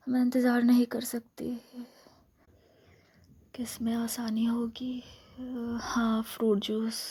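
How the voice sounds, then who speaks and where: This Indian-accented woman gives a full character voice, on the high side, as a possessive, scheming vampire girlfriend in romantic ASMR. Breathy and soft, often whispering, she talks slowly with a very even melody, sounding possessive and secretive. She is intimate and coaxing, lingering over repeated phrases.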